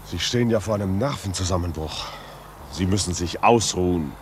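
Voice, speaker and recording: An actor playing a curious, friendly visiting gentleman in a classic radio play, lively and coaxing, often chuckling. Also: deep voice, a little fast, a little hiss or hum, close to an everyday voice. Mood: genial. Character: curious, genial visiting gentleman, brisk and reassuring. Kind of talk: classic radio drama acting.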